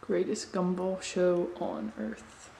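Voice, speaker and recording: A young woman talks casually to her camera while poking through abandoned buildings in the woods, her low voice gravelly at the edges. She rambles with fillers and quick asides. The handheld recording carries a loud bed of background noise. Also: little pitch movement, low-quality recording. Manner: chatty, filler-heavy, hushed asides. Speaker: vlogger exploring abandoned places. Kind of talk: casual exploring commentary. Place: abandoned amusement park, indoors and outdoors in woods.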